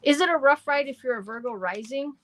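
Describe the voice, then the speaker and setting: A middle-aged woman reads astrology and tarot live for viewers, talking fairly quickly in a rambling, chatty way full of fillers. Her voice is slightly hoarse and deepened yet a bit bright.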